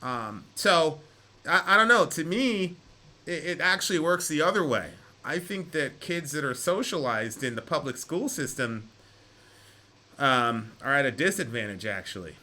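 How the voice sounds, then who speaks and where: A man's voice: fairly high pitch, lively intonation, moderate pace, pushed and bright. A man hosting a radio talk show, giving his opinions conversationally to a caller and repeating phrases for emphasis.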